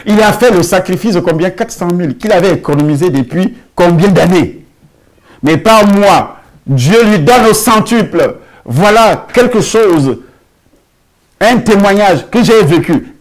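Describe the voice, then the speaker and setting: A pastor preaching a sermon and telling a testimony, with emphatic, drawn-out phrasing and rhetorical questions. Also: male voice, high-pitched. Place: church hall.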